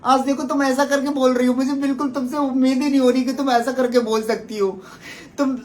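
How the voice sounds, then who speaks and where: A man with a light, high voice pleads in an emotional vlog. He keeps circling back over the same points, repeating himself. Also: level tone, a little fast, slight background noise. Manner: pleading, repetitive. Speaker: pleading ex-partner.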